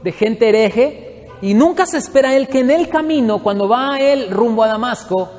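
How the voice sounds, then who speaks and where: A man's voice: very high voice, normal speed, darkish tone, in a large hall. A man from Mexico, teaching a Bible study to his congregation in a conversational way and often asking them questions.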